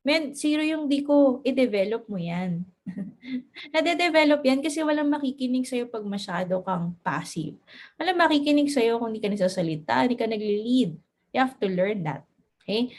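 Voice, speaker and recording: A woman's voice: a little high, expressive, normal speed, darkish tone. A woman giving a motivational lesson to her team as a mentor. She mixes English phrases into her talk, laughs often and stammers at times. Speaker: network marketing mentor.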